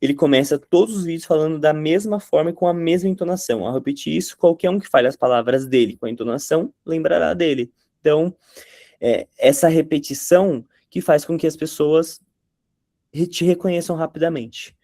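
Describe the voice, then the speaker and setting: A man's voice: a little high, mellow, no room sound, studio quality. A man teaching a lesson on content creation in a conversational way. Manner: conversational, with quick impressions of catchphrases. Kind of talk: explanatory talk to camera.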